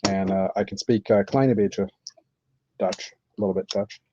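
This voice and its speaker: A man chatting casually on a live stream while building, thinking aloud with many pauses and fillers. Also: fairly low pitch, steady tone, noisy background. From Canada. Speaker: streamer building with toy bricks. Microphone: computer mic on live stream. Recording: dull lo-fi stream audio.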